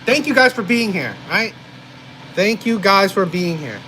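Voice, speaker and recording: A man's voice: high-pitched, big pitch swings, measured pace, sharp tone, a little hiss or hum, rough recording. A man from New Jersey hosting a casual live stream and chatting with viewers, rambling with lots of "right?" and "you know". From New Jersey, USA. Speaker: live-stream host reading chat.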